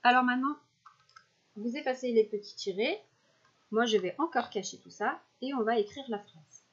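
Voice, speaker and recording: A woman primary school teacher giving a recorded spelling dictation, stretching out each word slowly and clearly with patient classroom talk. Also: a little high, muffled recording. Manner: slow, clear over-articulation of words, patient teacher talk.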